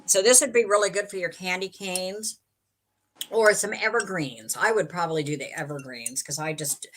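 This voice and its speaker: A woman's voice: lowish voice, moderate pace, a bit bright, slight background noise. A woman hosting a live online sale, chatting casually and rambling, correcting herself as she goes. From western United States. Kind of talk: casual live-stream selling chat.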